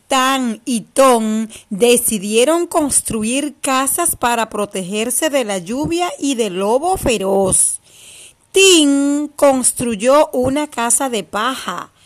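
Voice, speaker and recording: A woman teacher telling a story to young children, affectionate and exclamatory, speaking to them directly. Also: sits high.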